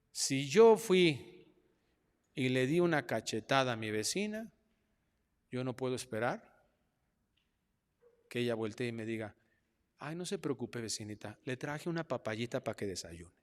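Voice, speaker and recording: A middle-aged pastor with a Mexican Spanish accent preaches a sermon in an ordinary, medium-pitched voice. He is animated, slipping into quiet asides and then growing loud to mock people's excuses. The church hall's long reverb trails after every phrase.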